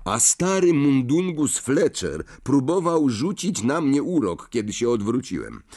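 Man doing a weary, nervous wizard dad, storybook, lifted and animated. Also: mid-range voice, unhurried, voice pushed up. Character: thin, balding, tired, kindly wizard father.

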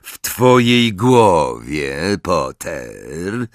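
A man reading an audiobook, voicing a cold, menacing male professor who speaks quietly and slowly. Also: sits low, sing-song, no echo, clean studio sound, full character voice. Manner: quiet, slow, threatening, sneering.

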